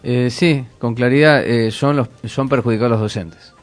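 A man's voice: mid-range voice, moderate pace. A man with a Rioplatense Argentine accent hosting radio commentary, emphatic, asking rhetorical questions and repeating phrases. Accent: Rioplatense Argentine Spanish. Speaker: radio host.

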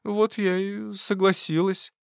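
A man's voice: sits high, flat delivery, slow pace, creaky, smooth, dry recording, clean studio sound, pitched above the performer's own voice, heavily acted. A man doing a fretful old woman neighbor. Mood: guilty. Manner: fretful, mumbling. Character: naive elderly poor woman neighbor.

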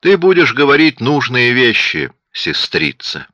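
A man's voice: medium pitch, big pitch swings, a little slow, no echo, pitched above the performer's own voice. A man reading a cold menacing killer. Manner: quiet, threatening. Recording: dull lo-fi audio.

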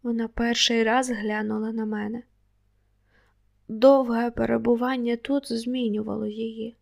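A woman reading an audiobook aloud in a steady, even first-person storytelling voice. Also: a little high, gravelly. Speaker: audiobook narrator.

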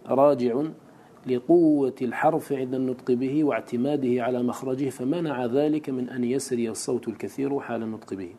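A man's voice: mid-range voice, fairly even intonation, brisk, mellow. A man teaching a lesson on a classical poem, who asks rhetorical questions and answers them himself. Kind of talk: lecture explaining a classical poem.

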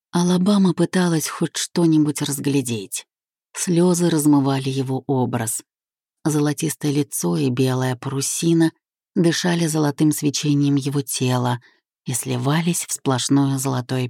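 A woman narrating a literary audiobook in a measured, even reading. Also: a bass voice, breathy edge, no echo, studio quality.

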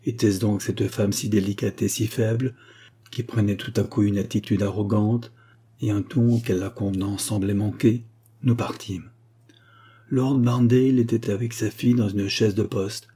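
Low husky male audiobook narrator. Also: fairly even intonation, mellow. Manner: measured, dramatic reading with voiced characters. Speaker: audiobook reader. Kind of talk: scripted narration of a classic novella.

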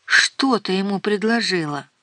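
A woman's voice: expressive, unhurried, dry recording, studio quality. A woman voicing a middle-aged mother at her wits' end, speaking sharply in a raised, strained voice. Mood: frantic. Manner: sharp, shouting, raised pitch.

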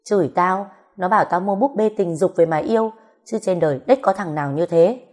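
A woman voicing a blunt, foul-mouthed grown woman who scolds roughly in a storybook reading. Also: fairly low pitch, fairly quick, darkish tone, natural voice. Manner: rough, scolding, swears freely.

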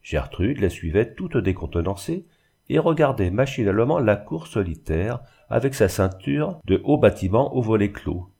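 A man reading a classic novel aloud in measured scripted narration. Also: lowish voice, creaky, mellow, husky. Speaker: audiobook reader.

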